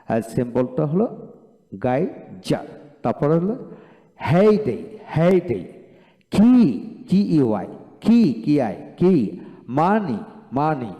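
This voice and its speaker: A man's voice: a little high, dark tone. Man drilling words in a hall. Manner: repeats each word twice, then explains the spelling. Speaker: English pronunciation teacher. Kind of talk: pronunciation drill lesson. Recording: long hall reverb.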